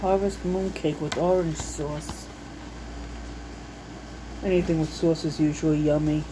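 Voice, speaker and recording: A deep, steady-toned woman talks at a measured pace over background noise. She's an at-home vlogger showing a recipe book, chatting unscripted in a folksy manner as she reads recipes and muses to herself.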